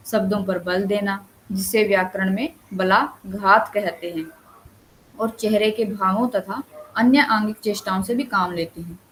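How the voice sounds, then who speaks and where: A woman's voice: mid-range voice, low-quality recording. Woman explaining a lesson, faint hiss. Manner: explanatory, reads out short example sentences. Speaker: counsellor teaching Hindi language. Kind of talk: online lecture.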